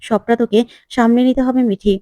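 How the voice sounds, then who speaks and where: A woman voicing a calm, protective young woman in a retold TV serial, giving soothing but firm advice. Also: fairly high pitch, fairly quick, dry recording, lightly acted. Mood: reassuring.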